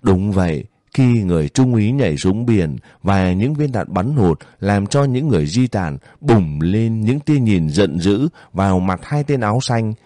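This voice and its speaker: Brief: male audiobook narrator, low mellow voice, measured pacing, dry close mic. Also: no room sound. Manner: steady, measured storytelling. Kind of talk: scripted narration of a war novel.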